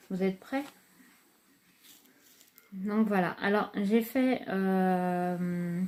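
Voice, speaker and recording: Slow-talking chatty woman. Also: a little high, mellow, a little hiss or hum. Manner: chatty, hesitant, lots of fillers; enthusiastic about products. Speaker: beauty vlogger. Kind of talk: casual product review.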